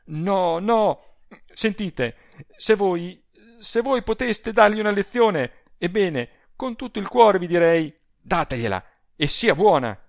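A man's voice: mid-range voice, slow pace. A man voicing an agitated society woman who pleads and exclaims in a raised voice, in an audiobook reading. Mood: pleading. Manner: emotional, imploring, exclamatory.

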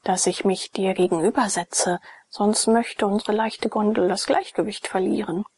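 A woman reading the lines of an earnest young nobleman in an audiobook, in her own breathy, gravelly voice. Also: mid-range voice, fairly even intonation, moderate pace, a little mellow.

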